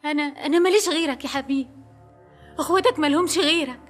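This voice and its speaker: Brief: female actor, middle-aged Egyptian mother, devoted, soothing and pleading, brisk and high-voiced. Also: soft background music, natural voice. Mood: tender. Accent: Egyptian Arabic.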